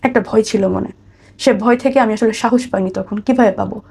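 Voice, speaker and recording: A woman's voice, medium in pitch but a little fast, comes across creaky, husky and somewhat mellow. She has a Bangladeshi accent and, as a guest, tells the story of her life, repeating phrases and speaking respectfully to the host.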